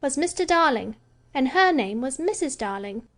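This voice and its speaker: Brief: woman voicing a bright-voiced girl storyteller, motherly, dramatic, sing-song. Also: sits high, expressive, normal speed, pitched above the performer's own voice. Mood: storytelling. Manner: theatrical, sing-song telling.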